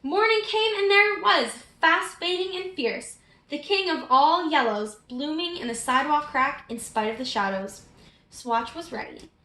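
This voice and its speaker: A woman reads a picture book to young children at a moderate pace, her high voice pushed, bright and full of lively intonation. She engages them with questions, and the audio sounds roomy and echoey.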